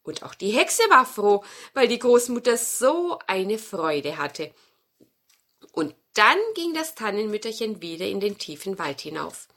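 Bright, lively woman telling a fairy tale. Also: medium pitch, unhurried. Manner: expressive, with sound effects. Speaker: storyteller. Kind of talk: fairy tale reading for children.

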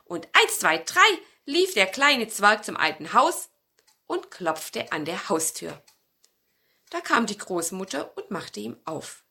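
A woman telling a fairy tale to children, expressive, with dramatic pauses and dips into a whisper for suspense. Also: medium pitch, gravelly, slightly rough. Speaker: storyteller.

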